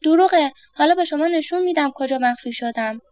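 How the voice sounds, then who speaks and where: Storybook: cheeky impatient convict, played by a woman, high-pitched, close dry read. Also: darkish tone, dry recording, lightly acted. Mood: brazen. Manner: blunt and grumbling. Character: impatient, brazen escaped male criminal.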